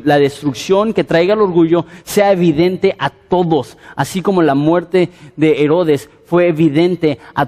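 A man preaching a sermon, animated and conversational with frequent fillers. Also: a little high, big-room sound.

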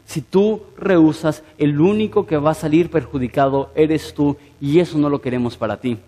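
Male preacher, earnest sermon, mellow voice, fairly high pitch, long hall echo. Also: normal speed. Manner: earnest, asks the listeners direct questions.

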